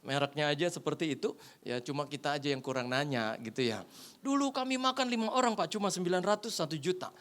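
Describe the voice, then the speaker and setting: A man's voice: fairly high pitch, fast. A male pastor preaching a humorous sermon, telling a story and acting out the voices in it. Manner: animated, acts out the voices in his anecdotes. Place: church.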